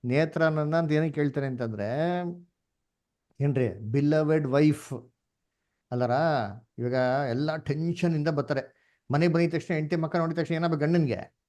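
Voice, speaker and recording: Animated Kannada man teaching Bible class. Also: a little high, moderate pace, long pauses. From India. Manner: animated, questioning, mixes English words. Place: online class.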